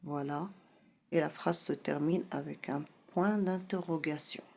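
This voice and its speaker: Slow, low-voiced woman teaching French. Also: steady tone, creaky, darkish tone, a little hiss or hum. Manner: patient, repeats key points, says "voilà" often. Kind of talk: slow explanatory lesson.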